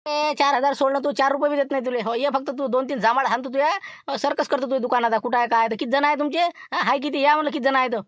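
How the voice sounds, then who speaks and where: A man voicing a blustering, brash male dhaba owner who makes loud threats. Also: very high voice, steady tone, fast talker, dry recording, clean studio sound, pitched above the performer's own voice. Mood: taunting.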